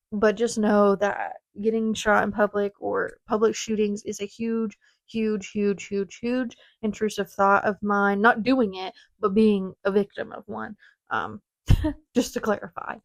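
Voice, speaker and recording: Woman, twenties, podcast host, casual storytelling, rambling tangents, vocal fry, dry close mic. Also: mid-range voice, steady tone, unhurried, dry recording. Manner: chatty, rambling, self-deprecating with frequent tangents.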